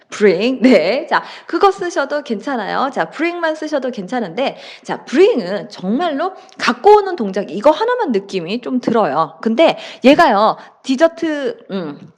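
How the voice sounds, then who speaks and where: A woman teaching an English lesson in a chatty lecture, laughing often and acting out example phrases in quick voices. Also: on the high side. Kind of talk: lecture with acted example lines.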